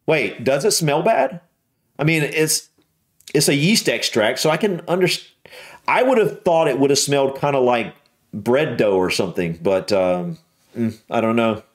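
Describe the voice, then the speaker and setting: A man's voice: mid-range voice, lively intonation, unhurried. Hesitant, musing American man. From United States. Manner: musing and hesitant, with many restarts and trailing thoughts. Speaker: reaction video host. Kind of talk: casual reaction commentary.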